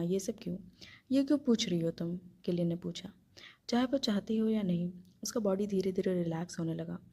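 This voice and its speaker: A woman's voice: mid-range voice, mellow, husky, no room sound. A woman retelling a novel aloud, reading the narration along with the characters' dialogue.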